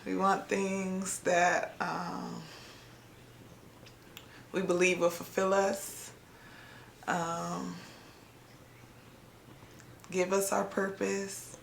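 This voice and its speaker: A woman from Ohio sharing a reflective faith talk on her vlog, speaking slowly and haltingly with many pauses and fillers, emotional and near tears. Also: on the low side, flat delivery, gravelly, reverberant, a little hiss or hum. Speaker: vlogger.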